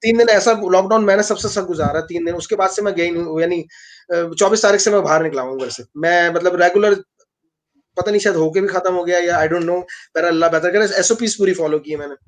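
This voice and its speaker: A man from Pakistan, an engineering professor telling a story fast and rambling, with many restarts, in a live online interview. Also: high-pitched. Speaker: engineering professor and lab director.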